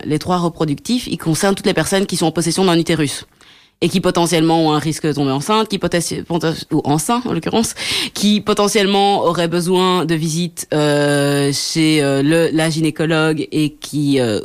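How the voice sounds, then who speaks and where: A woman, a guest activist on a radio show, explaining earnestly over a headset. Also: low voice. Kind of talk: radio interview.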